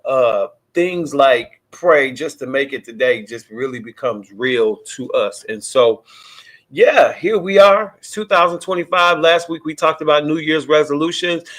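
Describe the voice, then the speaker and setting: A man's voice: fairly high pitch, measured pace, fairly bright tone. A man, a pastor hosting a live online show, talking casually about faith and greeting viewers by name, now and then mimicking people he describes.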